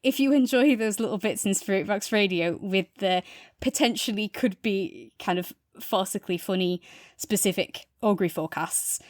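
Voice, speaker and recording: A podcast co-host chats casually through a review, enthusiastic and drifting freely from point to point. Her voice is medium-pitched at normal speed, captured in clean studio sound with no room echo.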